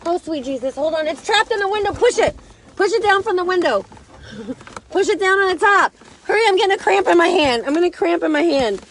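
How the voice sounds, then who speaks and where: A fairly quick, animated, very high and bright voice comes from a mother in her thirties, with slight hiss or hum in the recording. Flustered and laughing in exasperation, she vlogs casually into a phone held at arm's length from inside a parked truck under an open umbrella.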